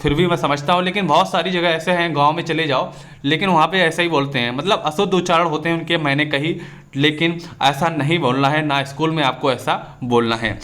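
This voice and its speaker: A young male tutor works through exam points one by one, giving simple everyday examples. His voice sits a little high and sounds bright and forceful. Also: fairly quick. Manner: explains each point with everyday examples, steady teaching patter. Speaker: exam-prep teacher. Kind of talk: recorded exam-prep lesson.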